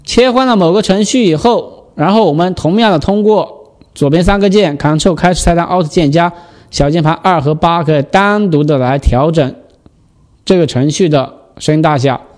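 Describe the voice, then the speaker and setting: A man giving a step-by-step software tutorial, explaining and patiently repeating the key steps. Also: on the high side, moderate pace.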